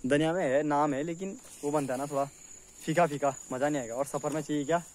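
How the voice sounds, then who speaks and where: A man's voice: a little high, fast. A young man chatting to the camera on an outdoor hill road during a casual motorbike travel vlog. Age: young adult. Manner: chatty, talks straight to the camera. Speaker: vlogger. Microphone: camera held at arm's length and helmet camera.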